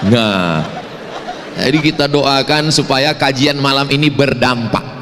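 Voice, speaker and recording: A man who is a preacher and university lecturer, giving a humorous sermon to students at an evening campus event and telling stories with lively asides. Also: medium pitch, measured pace, a crowd in the background, background noise. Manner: jokey storytelling with lively asides. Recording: long hall reverb.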